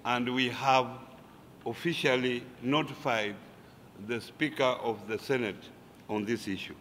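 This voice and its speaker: A man reading a formal statement at a press briefing in a slow, measured way. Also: medium pitch, steady tone, fairly bright tone. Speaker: speaker for a governors' council. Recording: reverberant hall, faint background noise.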